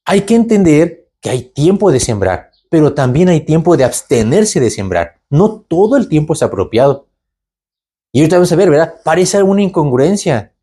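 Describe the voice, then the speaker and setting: A man's voice: fairly high pitch, dark tone, breathy edge. A man teaching the Bible conversationally, asking rhetorical questions and tagging lines with "¿verdad?". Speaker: preacher.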